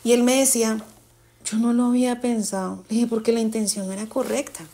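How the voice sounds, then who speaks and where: A woman teaching a Bible study to her congregation, asking the group questions and slowing down on key words for emphasis. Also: on the high side, level tone, dark tone. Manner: asks the group questions and repeats answers.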